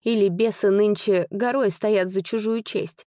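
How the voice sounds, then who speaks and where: Woman narrator, mid-pitched, lively theatrical storybook reading, dry close recording. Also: measured pace, no room sound. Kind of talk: expressive audiobook reading.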